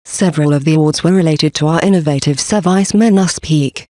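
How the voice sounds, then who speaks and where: Higher-voiced man reading a presentation. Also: a little fast, warm tone, no echo, clean studio sound. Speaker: company presenter. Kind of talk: scripted presentation narration.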